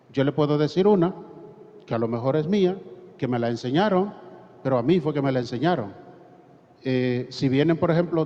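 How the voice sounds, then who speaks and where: Mellow Dominican man teaching in an echoey hall. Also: mid-range voice. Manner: didactic, poses rhetorical questions and demonstrates. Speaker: course facilitator. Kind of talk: parish training class. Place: parish hall. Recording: reverberant hall, dull lo-fi sound.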